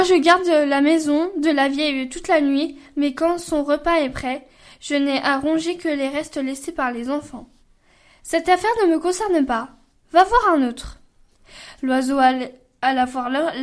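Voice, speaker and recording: A woman, a student reader, reading a folk tale aloud with an expressive voice. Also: high voice, measured pace.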